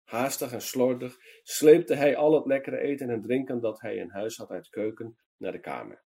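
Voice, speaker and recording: A man reading a children's Bible story in a lively storytelling manner for a meditation program. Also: medium pitch, moderate pace, breathy edge.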